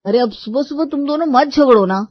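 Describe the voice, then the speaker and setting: A woman's voice: high-pitched, fairly quick, dry recording, pitched above the performer's own voice, natural voice. A woman voicing a weary young husband who tries to placate his mother and wife in a cartoon story. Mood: placating. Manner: tired, placating. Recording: dull lo-fi dry recording.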